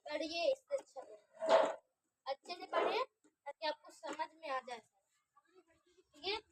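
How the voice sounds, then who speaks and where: Woman teacher, very high voice, online grammar lesson, repeats herself, keeps checking understanding. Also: unhurried, noisy background. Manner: asks questions and answers them herself, with frequent checks for understanding; repetitive, restarts words while explaining.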